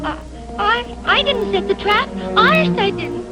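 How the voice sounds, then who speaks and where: An earnest, kind-hearted girl with a very high, lively voice who stammers when flustered. The sound is a 1950s TV broadcast, and a loud music score plays under her lines. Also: unhurried. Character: earnest young girl, kind and quick to defend.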